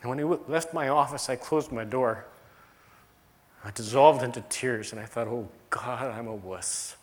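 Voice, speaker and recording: A man's voice: mid-range voice, moderate pace. A middle-aged man, a pastor from the United States, preaching a sermon and telling stories with emphatic repetition.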